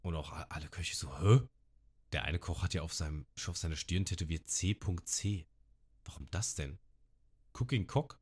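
A man's voice: a bass voice, brisk, slightly rough. A man on a podcast, casually retelling an anime episode and acting out the characters' lines. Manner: lively retelling, acting out quotes with shouts.

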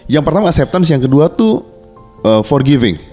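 A man's voice: medium pitch, sing-song, quick pace, darkish tone, soft background music. A man co-hosting a podcast in casual slang, speaking earnestly and frankly to listeners and often restarting his words. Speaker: podcast co-host. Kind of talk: casual personal chat to listeners.

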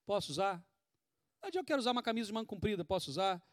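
Brazilian guy preaching, highish voice, dry close sound, chatty and lively, asks the crowd lots of questions. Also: racing, dry recording. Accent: Brazilian Portuguese. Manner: conversational, animated preaching with rhetorical questions. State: sweating. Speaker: pastor. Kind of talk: sermon.

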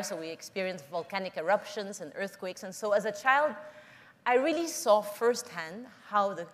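A middle-aged woman from the Philippines giving an earnest, measured public talk, telling personal stories to an audience. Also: medium pitch, in a large hall. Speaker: conference speaker.

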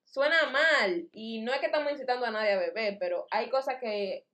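A woman's voice: on the high side, a little fast, fairly bright tone. Emphatic young woman. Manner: emphatic, opinionated. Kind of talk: casual chat.

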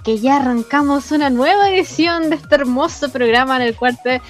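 A woman's voice: sits high, moderate pace. A Chilean-accented woman hosting a radio show in a casual, chatty way, addressing listeners directly with playful exclamations. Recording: music bed under the voice. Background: music.

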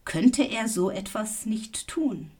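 A woman voicing a man born blind and now healed, read slowly in a Bible reading. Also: mid-range voice, lively intonation, darkish tone, slightly rough. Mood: earnest. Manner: slow, plain reading voice.

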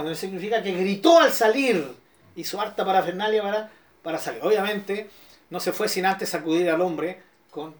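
A middle-aged man with a Chilean accent, a pastor teaching an interactive Bible study who keeps checking in with his listeners. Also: high voice. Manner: questioning, checks in with listeners often.

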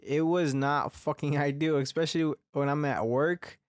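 The young host of this casual solo podcast speaks in a slightly high voice, with fairly even intonation and a normal speed. He rambles, swears heavily and restarts often, his throat a little congested and phlegmy, in clean studio sound without room noise.

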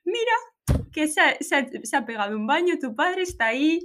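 A woman's voice: sits high, big pitch swings, moderate pace, a bit bright, voice pushed up. A woman voicing her fussy middle-aged mother, who calls out shrilly for her husband in an exasperated way. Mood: calling out.

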